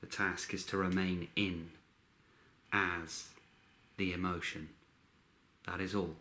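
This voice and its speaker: Guiding a meditation, a man with a fairly low voice talks very slowly in short, measured phrases. His calm instructions are separated by long pauses.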